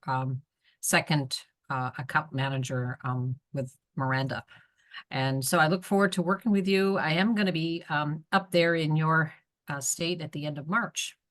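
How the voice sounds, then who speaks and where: Woman with a low voice saying hi on a video call, relaxed, a few ums. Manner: friendly, relaxed, some fillers. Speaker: account manager, nursing home administrator. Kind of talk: self-introduction on a video call.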